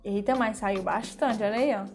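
A young adult woman with a Brazilian accent hosts a reaction video, her medium-pitched voice steady and at normal speed. Her commentary is casual, chatty and full of exclamations, and she giggles easily, with background music underneath.

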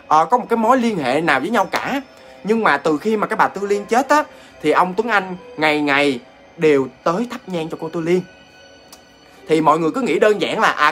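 A man's voice: high-pitched, fairly bright tone. Chatty Southern Vietnamese male storyteller. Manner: chatty, addresses listeners directly, many fillers. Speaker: ghost story narrator. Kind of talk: casual storytelling.

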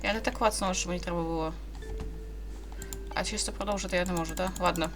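Over music, a woman's fast, low-leaning voice comes through with fairly even intonation. The gaming video host, in her twenties, reads game dialogue aloud as part of casual let's-play commentary. She rambles hesitantly and keeps correcting herself.

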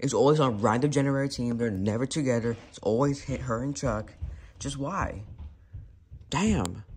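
A man hosts a toy car elimination series from home, speaking at a moderate pace in a mid-range, darkish voice against slight background noise. He calls out one name after another in a relaxed, rambling style and often corrects himself.

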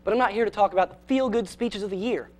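A man's voice: high voice, fast talker. A young man hosting a student comedy news show, delivering scripted jokes with sarcasm. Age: young adult. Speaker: host.

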